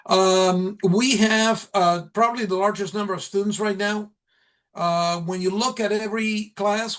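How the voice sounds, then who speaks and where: In a high, fairly bright voice, a man gives an informal slide presentation at a meeting as a college program instructor. He speaks haltingly, often repeating himself and restarting phrases.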